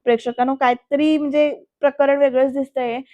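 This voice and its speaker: A woman's voice: high voice, flat delivery, a little fast, warm tone, no room sound. A woman narrating a voice-over recap of a TV serial episode, speaking directly to viewers in a dull, lo-fi recording. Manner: addresses viewers directly, storytelling.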